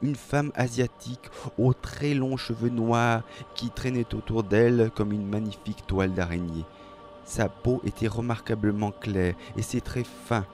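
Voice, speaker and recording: A man reading a dramatic story aloud in a slow, measured, expressive way. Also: fairly low pitch. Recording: faint music behind.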